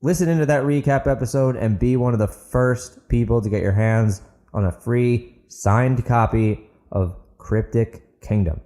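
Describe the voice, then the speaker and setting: This narrator, who also wrote the story and hosts the podcast, speaks at a medium pitch with a measured, mellow delivery. He addresses listeners like a storyteller, giving dramatic audiobook narration and a podcast outro.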